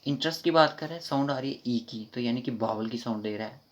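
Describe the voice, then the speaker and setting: Kashmiri man teaching grammar, dull sound. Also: mid-range voice. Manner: quick, informal explaining, reads English sentences slowly. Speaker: exam prep teacher. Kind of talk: online English grammar lesson. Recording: dull lo-fi recording.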